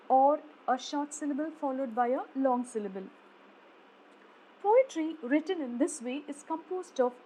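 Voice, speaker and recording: A high-pitched woman with an Indian English accent teaches a lesson at an unhurried pace. She lays out each term deliberately, one at a time. A faint hum of room noise sits under her voice. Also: rough recording. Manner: slow, deliberate, spelling out terms one by one. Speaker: English lecturer. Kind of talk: explaining lecture on poetic meter.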